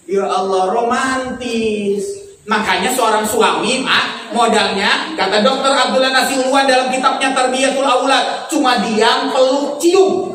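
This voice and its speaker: A man's voice: very high voice, fairly bright tone. A man preaching a humorous sermon in a mosque, teasing the crowd and acting out quoted voices. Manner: joking, teasing the audience, acts out quoted voices. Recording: echoey hall, mic far off.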